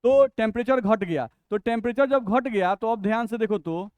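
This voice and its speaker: Male teacher, Bihari Hindi accent, high clear voice, patient step-by-step explainer, dry close recording. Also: a little mellow, no room sound. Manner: explains step by step, asks and answers his own questions; reads English definitions slowly and deliberately. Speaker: chemistry teacher. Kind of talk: classroom lecture.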